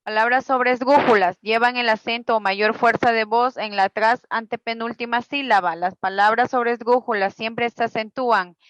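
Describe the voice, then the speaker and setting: A woman's voice: on the high side, fairly even intonation, normal speed, few pauses, a bit bright, no room sound, lo-fi sound. A woman student presenter reading a class presentation, going steadily through rules and long lists of example words.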